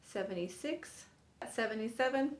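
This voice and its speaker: Counting aloud while demonstrating signs, a fifty-something sign language teacher cheers viewers on in an upbeat way and laughs off her mistakes. She speaks at normal speed in a fairly high, animated voice, with the room sounding echoey.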